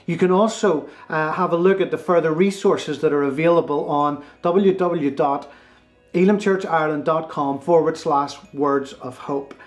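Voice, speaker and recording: Higher-voiced man reading church announcements. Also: fairly even intonation, normal speed. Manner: friendly, informative announcer delivery. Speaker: church presenter. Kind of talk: announcements and sign-off. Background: soft music.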